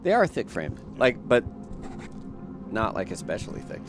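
A man's voice: fairly low pitch, wildly swooping pitch, normal speed, background noise. A young man from Florida chatting casually as a streamer, rambling and trailing off with fillers. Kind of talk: casual chat.

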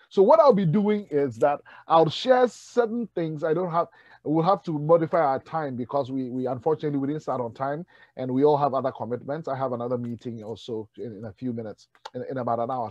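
A man's voice: medium pitch, a little mellow, no room sound, muffled recording. A man giving a keynote talk at a leadership summit, conversational, with asides and stories.

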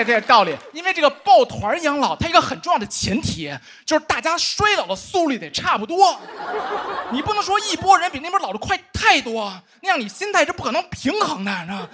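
A man's voice: extremely high pitch, fairly bright tone. A man doing a stand-up set on a studio stage, wry and reasoning his jokes out step by step. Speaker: stand-up comedian. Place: studio stage with live audience. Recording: clear background noise.

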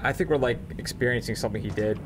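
A man with a medium-pitched voice gives casual commentary while playing a horror game. He talks into a headset, with clear game noise behind him. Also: rapid-fire. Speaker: gaming host playing in VR.

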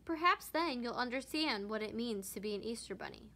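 A woman's voice: fairly high pitch, lively intonation, brisk, sharp tone, heavily acted. A woman reading aloud voices a stern, commanding male hare who speaks formally. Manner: demanding, formal.

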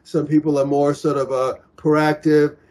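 A man's voice: fairly high pitch, level tone, moderate pace, a little mellow. A man in his forties organizing singles events, talking in a casual video call with many restarts and fillers. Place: small room indoors. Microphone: laptop webcam on video call.

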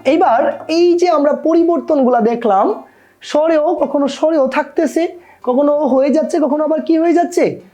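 A woman's voice: high-pitched, normal speed, dark tone, soft background music. A woman with a Bangladeshi Bengali accent teaching a grammar lesson to students, repeating key terms and quizzing the listener with questions.

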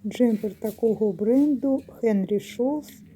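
A woman's voice: a little high, slow pace, mellow. A middle-aged woman vlogging casually about secondhand clothes. She explains each item unhurriedly and corrects herself mid-word. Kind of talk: casual vlog commentary. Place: secondhand shop, indoors.

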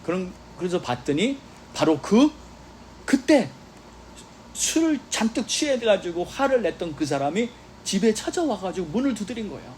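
A man preaching in a church, his somewhat high voice rising and falling widely as he tells stories. He acts out the people in them as he preaches. A faint hum of the sanctuary sits behind him. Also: moderate pace. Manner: animated storytelling preacher with exclamations and quoted dialogue. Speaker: pastor. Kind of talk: sermon.

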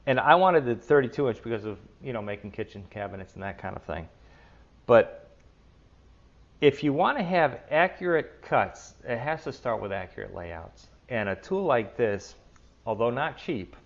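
A middle-aged woodworking channel host demonstrates a tool in his home kitchen, chatty and enthusiastic in a casual video. His voice is on the low side with lively intonation at normal speed, captured lo-fi on a lapel mic indoors.

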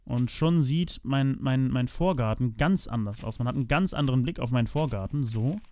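Here a young let's play host talks at a moderate pace in a dark, medium-pitched voice, with no echo. Chatty and casual, he calls his viewers "meine Freunde" while building in a block game, thinking aloud with lots of fillers and restarts.

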